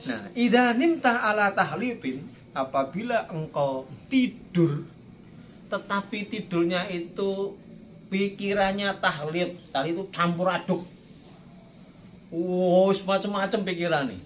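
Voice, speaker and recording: A man's voice: high-pitched, takes it slowly. A male preacher giving a playful religious study talk, acting out tearful pleading prayers. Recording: dull lo-fi sound, faint background noise.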